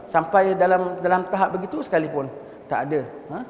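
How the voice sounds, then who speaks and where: A man from Singapore with a Singaporean Malay accent, giving a conversational mosque lecture. He mixes in English words and often checks his listeners with a quick "ha?". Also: high-pitched, darkish tone. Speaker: religious teacher. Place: large mosque hall. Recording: echoey hall with long reverb and faint background noise.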